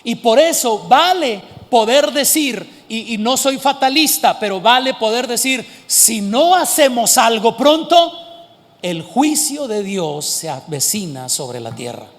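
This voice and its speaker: A male pastor delivers a sermon in a high voice, with a long hall reverb behind him. He slows down to press key words and at times rises into emphatic shouts. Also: very animated. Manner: preaching, rising to emphatic shouts and slowing for stress.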